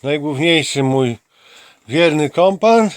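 In a small home computer room, an amateur channel host interviews a companion for a casual homemade video, speaking in a playful mock-formal style and repeatedly plugging his channel with slang. His voice is fairly high, expressive and slow, smooth and echo-free, with clean studio sound.

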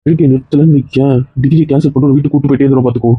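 A man's voice: mid-range voice, fairly even intonation, rapid-fire, breathy edge, narrow, tinny audio, natural voice. A man playing a caring husband who coaxes and scolds his tearful wife in a homemade skit. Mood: coaxing. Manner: coaxing, then stern threats.

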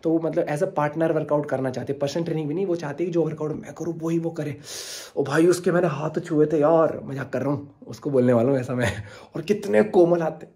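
A young man in a casual prank vlog, teasing his wife and bragging with excited banter. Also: a little high, fast, hardly any pauses. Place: living room with sofa, indoors. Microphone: far camera on a tripod. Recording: echoey room from a distance.

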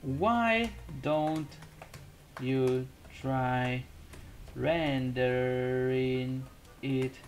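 Gravelly slow-talking man playing a game. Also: mid-range voice, soft background music. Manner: rambling, muttering, frequent restarts, bursts of laughter. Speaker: gaming YouTuber. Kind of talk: casual gameplay commentary.

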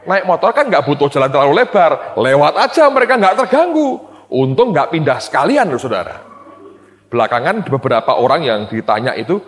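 A man preaching a sermon as a pastor, telling a personal story with loud, high bursts and laughing asides, then dropping quiet for serious moments. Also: sing-song, brisk. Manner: drops to quiet, low tones for serious moments. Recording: long hall reverb.

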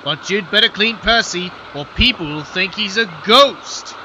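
A man's voice: high voice, moderate pace, background noise, voice pushed up, natural voice. A man voicing a stern male railway signalman in a storybook reading. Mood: scolding.

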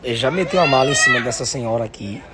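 A Brazilian pastor vlogging a trip in a busy airport, chatty and exasperated, often laughing. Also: male voice, mid-range voice, expressive, very fast, heavy background noise. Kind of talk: casual travel vlog to camera.

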